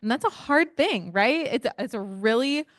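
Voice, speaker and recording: A woman's voice: on the high side, expressive, normal speed, no echo, clean studio sound. A woman parent educator leading an interactive workshop, engaging the group with frequent questions and hands-on exercises. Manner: engaging, asks the audience many questions.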